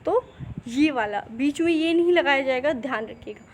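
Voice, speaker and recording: High-voiced woman teaching pronunciation. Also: lively intonation. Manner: slow, drawn-out demonstration of English words; repeats "theek hai" to check in. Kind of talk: phonetics lesson in Hindi.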